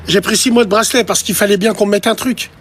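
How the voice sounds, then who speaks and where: Husky-voiced man ranting on a live stream. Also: high-pitched, steady tone, quick pace. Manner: provocative, crude and mocking, addressing chat directly. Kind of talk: casual live-stream rant.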